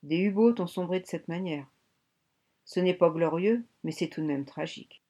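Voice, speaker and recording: A woman's voice: on the low side, normal speed, warm tone, close to an everyday voice. A woman voicing an earnest, embarrassed German submarine bosun who explains things patiently, in an audiobook. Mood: explaining.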